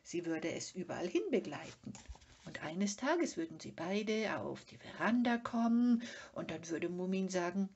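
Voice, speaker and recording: A woman reading a children's book aloud in a soft, unhurried manner, often dropping to a whisper. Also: on the low side, expressive, husky, muffled recording. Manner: soft, unhurried storytelling with frequent whispered passages. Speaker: audiobook reader.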